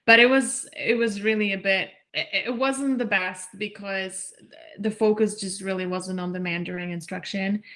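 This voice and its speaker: A woman's voice: medium pitch, moderate pace. A young woman chatting as an interview guest, talking casually and animatedly with many fillers. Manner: chatty, animated, heavy use of "like", acts out quoted voices. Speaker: interview guest, scholarship recipient.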